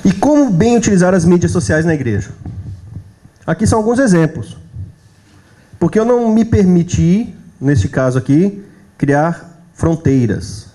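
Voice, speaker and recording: A man with a Brazilian accent lectures at a church workshop in a fairly high, mellow voice. He keeps it conversational, turning to the audience with quick questions as he goes. The talk is given live before a gathered crowd. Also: lively intonation. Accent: Brazilian Portuguese. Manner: conversational, checks in with the audience often. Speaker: workshop speaker.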